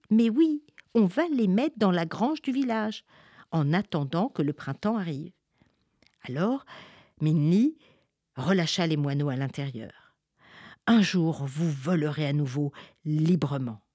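Expressive low-voiced woman storyteller. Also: husky, no room sound, studio quality. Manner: expressive, sing-song storytelling. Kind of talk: storybook narration.

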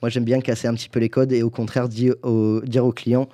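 A male chef with a mellow, dark-toned voice at a middle pitch describes his dishes. He talks hesitantly, pausing on fillers and restarting phrases. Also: level tone. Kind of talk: casual chat.

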